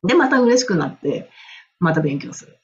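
Animated middle-aged Japanese woman storyteller. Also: lowish voice, normal speed, lo-fi sound, a little hiss or hum. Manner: animated, enthusiastic, laughs often. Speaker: English and music coach. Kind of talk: casual storytelling monologue.

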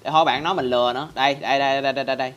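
A man's voice: medium pitch, fairly even intonation, very fast, a bit bright, lo-fi sound. A man hosting a casual game tutorial in a chatty style, constantly addressing viewers. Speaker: Minecraft channel host.

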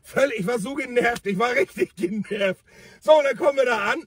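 A man's voice: very high-pitched, fairly quick, breathy edge, recorded from a distance. A man, a paramedic, animatedly telling a story about a call-out and acting out the dialogue. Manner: animated, exasperated, acts out the dialogue. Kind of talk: storytelling vlog.

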